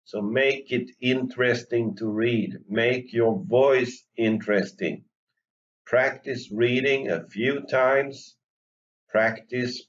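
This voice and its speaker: Slow, deliberate male English teacher. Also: mid-range voice, lo-fi sound. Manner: slow, deliberate, models pronunciation for learners to repeat. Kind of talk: online English lesson for young learners.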